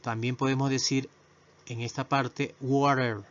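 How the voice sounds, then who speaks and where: A man whose first language is Spanish teaches English vocabulary in a video lesson, at a very slow, deliberate pace. He says each English word again and again for the learner to copy. The recording is dull and lo-fi. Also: mid-range voice, flat delivery.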